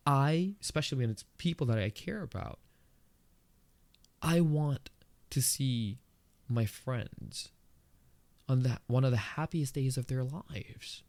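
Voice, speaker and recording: An earnest Filipino podcast host speaks alone at an ordinary middle pitch, his tone mellow and his delivery conversational and reflective. He jumps upward in pitch for emphasis. The recording is close and dry, with almost no room sound.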